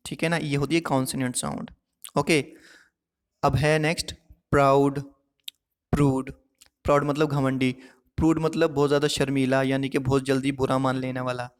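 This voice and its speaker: A man's voice: on the high side, long reverb tail. A male teacher, explaining a lesson step by step and often checking that the listener is following. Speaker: English teacher. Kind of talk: classroom lesson explaining poetic devices.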